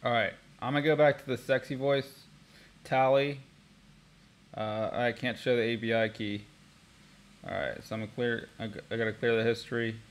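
A man's voice: medium pitch, fairly even intonation, normal speed. Rambling man thinking aloud. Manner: rambling, with fillers and restarts. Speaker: tech vlogger. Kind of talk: casual thinking aloud while testing software.

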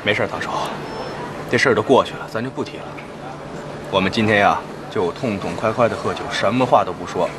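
An actor playing a friendly, reassuring nephew pouring drinks in a TV drama. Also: male voice, lowish voice, a little fast, natural voice. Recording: loud background noise.

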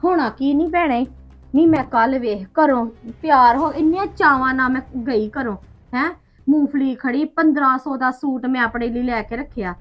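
In a village family drama short film, an actress plays an aggrieved woman ranting indignantly about her in-laws, quoting them as she rambles. Her voice is high-pitched and close to everyday speech at normal speed, with dull lo-fi sound and faint music.

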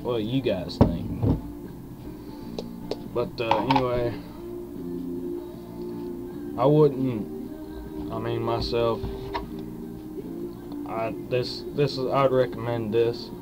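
A man's voice: mid-range voice, low-quality recording. Young man talking around lipped dip. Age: young adult. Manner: talks with a lip full of dip; folksy, drawn-out hesitant delivery. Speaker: dip review vlogger. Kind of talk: casual rambling chat to camera. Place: small wood-panelled room indoors. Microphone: webcam mic at arm's length. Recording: country music playing behind the voice. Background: country music.

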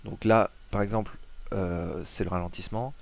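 Man with a slightly low voice for a casual tutorial voice-over; hesitant, filler-heavy, guiding viewers step by step. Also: moderate pace, vocal fry. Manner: relaxed, hesitant with frequent "euh" fillers; talks viewers through steps directly. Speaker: tutorial host. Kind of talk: casual screen-recording tutorial.

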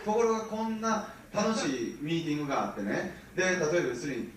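Kansai man in his 30s, fast and lively seminar speaker, recorded far off in a very echoey hall. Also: fairly high pitch, a little hiss or hum. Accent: Kansai Japanese. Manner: animated, keeps checking the audience with rhetorical questions. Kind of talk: motivational seminar talk.

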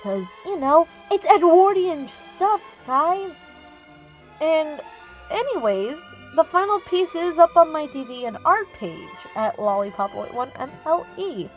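A woman's voice: sits high, very animated, moderate pace, soft background music, rough recording. A woman hosting her own channel, chatting casually about history while showing her speed art, often correcting herself. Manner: chatty, with frequent self-corrections. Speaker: YouTube artist and channel host.

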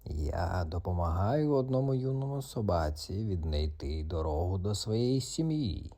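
Low, slow, growling tomcat with a puffed-up noble air , as a man voices him. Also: expressive, dark tone. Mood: gruff, proud. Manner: growling, slow, drawn-out threats. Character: proud, grumpy tomcat, noble and blustering.

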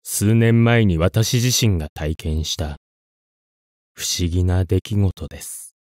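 A man narrating a scripted ghost story in a suspenseful, dramatic way, with deliberate pauses. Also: deep voice, darkish tone, dry recording, clean studio sound.

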